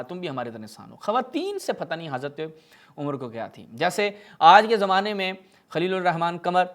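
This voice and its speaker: A man giving a polemical religious lecture, reading narrations aloud and mocking them with sarcastic asides. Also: fairly high pitch. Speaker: religious speaker.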